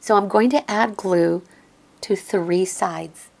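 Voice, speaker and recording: In a voice-over recorded apart from the video, a crafting tutorial host gives calm, gentle instructions, patiently walking through every step. She's a woman with a mid-range voice made gravelly, raspy, and slightly hoarse by a lingering cough. She speaks unhurriedly and sometimes stops to think aloud.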